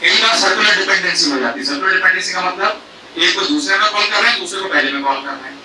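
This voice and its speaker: A high-pitched man talks fast in a reverberant setting, picked up by a distant mic with background noise. As a professor leading a faculty workshop, he lectures on programming errors, asking rhetorical questions, using homely food analogies, and mixing English technical terms into his Hindi.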